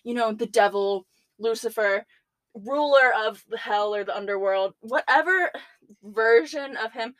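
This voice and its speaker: A woman's voice: a little high, a little slow, no echo. Chatty young woman reading a story aloud. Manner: chatty, laughs between lines, lots of "like". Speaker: podcast co-host.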